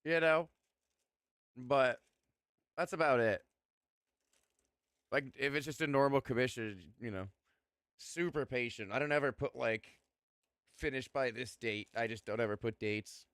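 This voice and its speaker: A man's voice: mid-range voice, unhurried, long pauses, fairly bright tone, dry recording, clean studio sound. A young man streaming, chatting casually and rambling with lots of fillers and the odd swear word.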